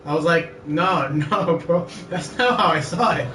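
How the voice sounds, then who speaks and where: A man's voice: fairly high pitch, measured pace, sharp tone. A young man telling a rambling story while gaming, laughing often and acting out what his friends said. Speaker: gamer telling stories. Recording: roomy, distant, faint ambient noise.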